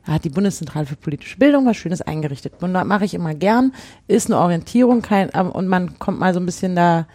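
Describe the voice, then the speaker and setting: A woman's voice: fairly low pitch, lively intonation, fast, mellow. A woman hosting a casual talk show, explaining her views earnestly with hesitant restarts. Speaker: show host. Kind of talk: casual chat.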